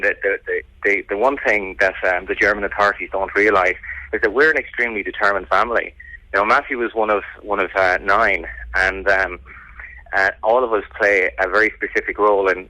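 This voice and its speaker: An Irish man being interviewed on radio as a family campaigner, speaking in an earnest, determined and halting way. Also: lowish voice, pushed and bright, no echo, low-quality recording.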